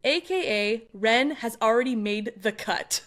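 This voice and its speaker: A young adult woman talks through a book's chapters on a podcast she co-hosts. Her delivery is animated and chatty, broken up by frequent laughter and quick side remarks. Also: on the high side. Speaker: book club podcast co-host. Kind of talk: casual chat recapping a book.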